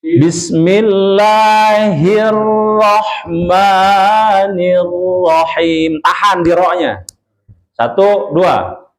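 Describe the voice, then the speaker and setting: A man's voice: fairly high pitch, lively intonation, a little slow, pauses often. A man with a Sundanese accent, teaching Quran recitation to a group of men, patiently drawing out each word to show the pronunciation. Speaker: Islamic religious teacher. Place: study gathering with a group of men.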